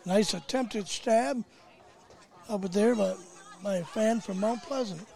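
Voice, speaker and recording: A man's voice: sits high, slow, vocal fry, a little mellow. A man giving casual live sports commentary as the color commentator at a baseball game.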